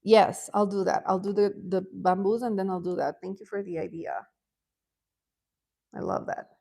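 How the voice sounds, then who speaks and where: A woman's voice: mid-range voice, fairly even intonation, moderate pace, gravelly, warm tone. A middle-aged woman from Ecuador chatting casually as a livestream host, answering comments while coloring, often laughing and rambling.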